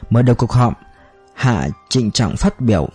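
A man narrating a novel in a steady storytelling manner. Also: mid-range voice, measured pace, husky, faint music behind. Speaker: audiobook narrator. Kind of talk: scripted narration.

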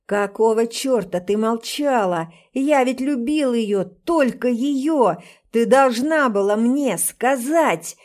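Obsessive, violent young man from an audiobook thriller, voiced by a woman reading the book. He rages and hurls accusations in drawn-out, heavy phrases, and the voice stays fairly high for a man. Then he drops into a slow, creepily tender murmur. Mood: raging. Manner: shouting accusations, then soft and menacing.

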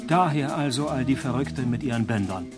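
An actor playing a cynical, wisecracking private detective in a noir parody radio drama, with dry deadpan delivery. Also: male voice, medium pitch, fairly quick, music in the background, natural voice. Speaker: narrator and lead actor of a detective radio play.

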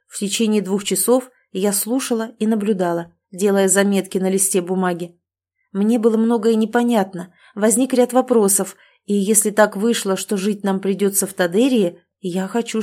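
A woman narrating a novel in the first person with an even, measured reading. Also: medium pitch. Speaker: audiobook narrator.

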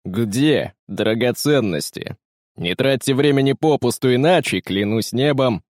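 A man's voice: medium pitch, animated, unhurried, a little mellow, no echo, close to an everyday voice. A ruthless pirate captain, put on by a man reading a storybook, barks his orders in a raised, hard voice. The sound is close and dry, with no room around it. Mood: cold. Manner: barking orders, cold mockery. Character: cruel, commanding male pirate captain.

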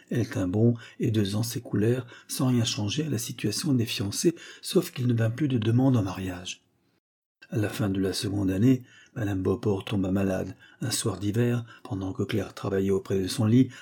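Low husky male storybook narrator. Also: warm tone. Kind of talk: audiobook reading of a short story.

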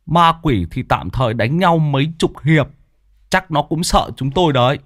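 A man voicing a brisk, teasing old male exorcist, chiding and joking. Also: on the high side, lively intonation, a bit bright, no echo, clean studio sound, pitched above the performer's own voice. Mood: bantering.

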